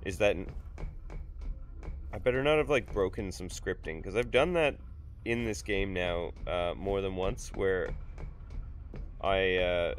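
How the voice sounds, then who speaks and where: Low-pitched and unhurried, with long pauses, a man in his thirties offers rambling, jokey let's play commentary from his home desk. He's a gaming YouTuber who swears freely, and blocked sinuses leave his voice sick and nasal.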